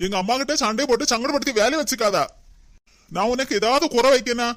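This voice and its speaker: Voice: medium pitch, quick pace, a bit bright, natural voice. A performer voicing a dutiful young husband and son in a cartoon, with a Kanyakumari Tamil accent, who pleads and soothes but can turn firm. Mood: stern. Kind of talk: cartoon voice acting.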